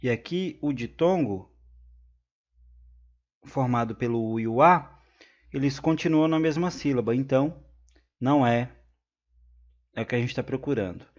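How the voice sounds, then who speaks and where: A man's voice: mid-range voice, measured pace, long pauses, a little mellow. A man with a Brazilian Portuguese accent teaching an exam-prep grammar lesson, repeating each point and checking in with viewers. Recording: slightly dull lo-fi sound.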